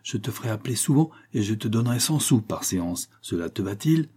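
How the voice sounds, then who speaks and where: A man voicing an excitable, scheming middle-aged factory owner who exclaims and boasts in a storybook reading. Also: on the low side, a little fast, husky. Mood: coaxing, eager. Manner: exclamatory, triumphant, declaiming.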